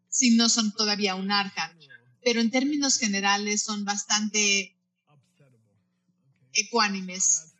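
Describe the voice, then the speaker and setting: A bright, crisp voice teaches Buddhist practice to a group. The speech comes in short halting phrases, doubling back to repeat and restart words. Now and then it turns to the listeners with quick questions and asides. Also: medium pitch, rough recording.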